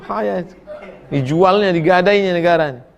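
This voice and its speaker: A man's voice: high voice, moderate pace, creaky, dull audio. A middle-aged male preacher, answering questions from the audience in a folksy, joking way. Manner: folksy, joking, animated storytelling. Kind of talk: humorous question-and-answer sermon.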